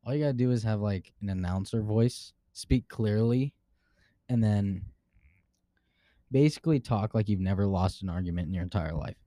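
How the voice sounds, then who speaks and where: A man talks loosely on a casual home podcast, swearing freely and laughing between lines. His voice is dark and mellow, and the recording is dry and close. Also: on the low side, moderate pace, no echo. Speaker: podcast co-host. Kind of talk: casual profane podcast chat.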